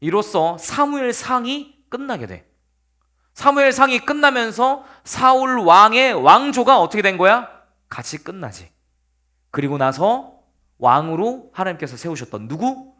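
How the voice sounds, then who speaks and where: A man preaching a casual youth sermon as a youth pastor, telling the story in an animated way and speaking directly to his listeners. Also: sits high, a little slow.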